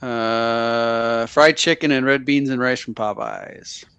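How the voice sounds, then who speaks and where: A man's voice: mid-range voice, steady tone, takes it slowly, a bit bright, clear, resonant tone, no room sound. A man chatting casually as co-host of a live stream, greeting viewers and talking with his partner.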